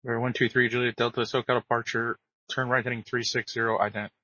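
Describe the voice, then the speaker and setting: A man working as an air traffic controller, giving brisk, procedural instructions over the radio. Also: medium pitch, flat delivery, sharp tone, dry recording. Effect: radio transmission. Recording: muffled lo-fi radio audio.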